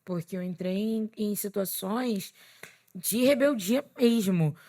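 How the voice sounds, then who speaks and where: A woman's voice: medium pitch, slow, warm tone. A young adult woman giving an earnest personal faith testimony as a guest, telling her story and repeating phrases for emphasis.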